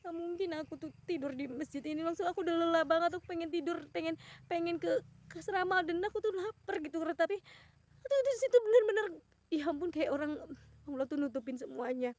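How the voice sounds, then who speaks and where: A woman's voice: very high voice, fast, darkish tone. A woman vlogger retelling a personal experience with earnest emotion, full of exclamations and broken-off restarts.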